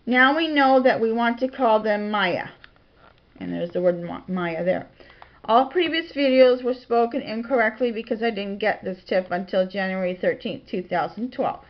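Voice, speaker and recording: Soft-spoken woman vlogging, lo-fi recording. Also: a little high. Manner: soft-spoken, quiet delivery; reads lists of titles and dates. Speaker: blogger. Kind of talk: casual vlog talk. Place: small home office. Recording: dull lo-fi home recording.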